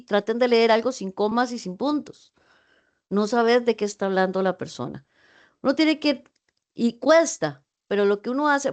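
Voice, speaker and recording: A fairly high-pitched woman lecturing her students over a video call. She explains each point patiently and keeps checking in with them through rhetorical questions. Her pace shifts, sometimes quick, sometimes drawn out. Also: a little mellow. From Costa Rica. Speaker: university tutor. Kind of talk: online class lecture.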